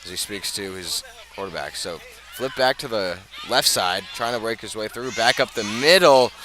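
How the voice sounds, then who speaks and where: Doing live radio play-by-play for a football game, an American man speaks on the low side and expressively. He's measured in the lulls and swells with the action, against a noisy background.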